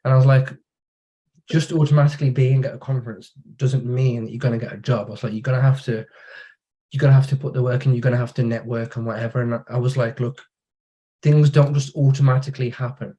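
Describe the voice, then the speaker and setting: A man's voice: medium pitch, fast. A man from the UK, a podcast guest, chatting casually and telling anecdotes in which he acts out what other people said. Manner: relaxed storytelling, acts out quoted dialogue. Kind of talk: casual conversation.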